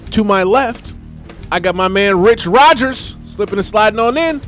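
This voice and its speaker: A man hosting a casual sports radio show, animated and laughing often. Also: high-pitched, normal speed, faint music behind. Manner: animated, laughs often, hype announcer delivery.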